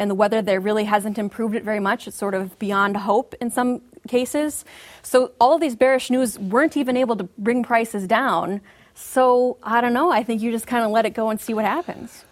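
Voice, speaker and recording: A woman commodity market analyst giving measured, explanatory answers full of market jargon in an interview. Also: mid-range voice.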